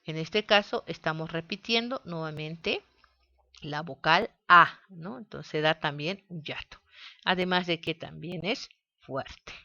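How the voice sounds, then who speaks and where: A woman teaching a grammar lesson, speaking slowly and spelling words out syllable by syllable. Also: low voice, vocal fry, bright, forceful tone, no echo, muffled recording. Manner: slow, deliberate, spells out syllables.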